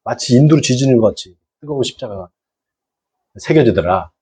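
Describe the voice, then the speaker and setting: Dark, husky-voiced male pastor lecturing. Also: medium pitch, animated, fairly quick. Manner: asks the audience and repeats key words. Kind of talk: church lecture to lay people.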